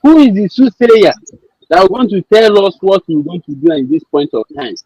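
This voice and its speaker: A man with a Nigerian Igbo accent calling in, speaking in a troubled, impassioned and sometimes halting way. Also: high voice, a little mellow, husky, dry recording. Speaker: caller, addressed as coach. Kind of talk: impassioned call-in talk. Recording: dull, lo-fi, dry call audio.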